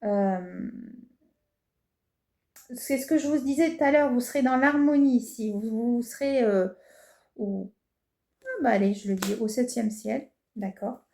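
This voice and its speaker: A woman's voice: on the high side, a little slow, vocal fry, long pauses, warm tone. A woman giving a casual horoscope tarot reading, hesitant and reassuring, with frequent fillers. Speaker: tarot reader. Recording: echoey room with faint noise.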